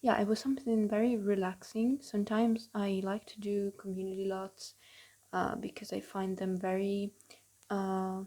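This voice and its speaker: A young woman talking quietly under her breath at home in her bedroom, recording a casual, hesitant voice-over for a building video. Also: mid-range voice, flat delivery, moderate pace. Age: young adult. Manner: hesitant, with many fillers. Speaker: gaming channel host.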